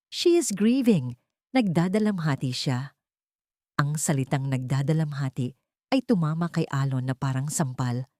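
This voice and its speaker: An audiobook narrator with a Filipino accent reads a scripted, dramatic story in a fairly low, slightly mellow voice. The recording is dry and of studio quality.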